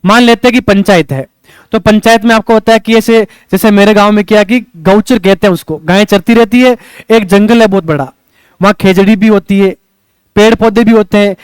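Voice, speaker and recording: A man's voice: high-pitched, smooth, dry recording. A male coaching teacher, lecturing a class and checking in with rhetorical questions as he teaches memory tricks.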